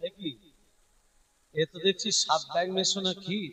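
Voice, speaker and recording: A male preacher with a very high, bright voice delivers a devotional sermon. He explains patiently, spelling words out and repeating key points. The mic is set some distance from him. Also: fairly even intonation, normal speed, faint music behind. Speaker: kirtan preacher.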